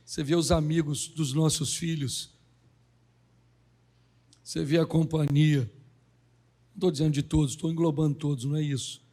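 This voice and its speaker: A middle-aged man, a pastor, preaching a humorous sermon and acting out dialogue in quick, animated voices. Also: a little high.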